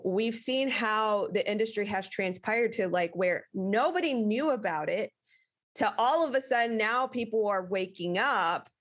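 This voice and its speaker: A woman podcast host talking casually about faith and giving. She winds through her points with many fillers and restarts. Her voice sits at a middling pitch for a woman. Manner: meandering, many fillers, explanatory. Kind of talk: casual faith-based talk.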